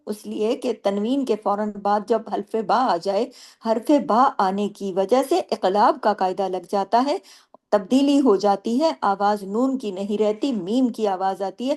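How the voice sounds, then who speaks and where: A woman with a slightly high voice teaches Quran recitation rules. She explains each point patiently, often asking a question and answering it herself. Between explanations she recites words slowly and draws them out. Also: a little mellow. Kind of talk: tajweed lesson with recitation.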